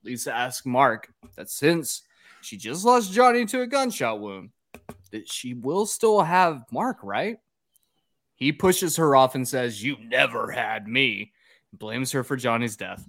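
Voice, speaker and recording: A man's voice: mid-range voice, big pitch swings, a little slow, fairly bright tone. Man gleefully recapping a movie plot. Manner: crude, gleeful plot narration. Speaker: podcast co-host. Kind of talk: casual comedic movie recap.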